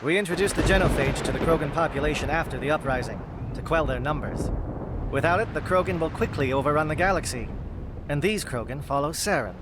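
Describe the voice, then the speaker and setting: A man's voice: on the high side, fast, noisy background, natural voice. A man playing a disciplined alien captain in a video game, speaking in a clipped, formal, urgent way. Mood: grave, urgent. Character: brisk, disciplined male alien military captain. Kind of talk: dramatic video game acting.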